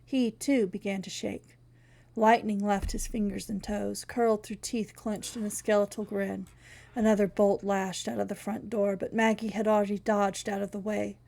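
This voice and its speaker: Woman narrator, scripted story reading, steady and wry. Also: mid-range voice, normal speed, vocal fry.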